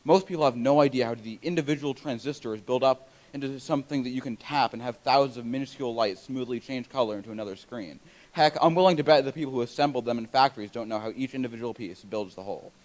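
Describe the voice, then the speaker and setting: A man's voice: mid-range voice, darkish tone, rough recording. A young male student reading an earnest, prepared closing speech into a microphone at a school assembly. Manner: earnest, recited delivery. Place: school gym or auditorium. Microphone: handheld microphone.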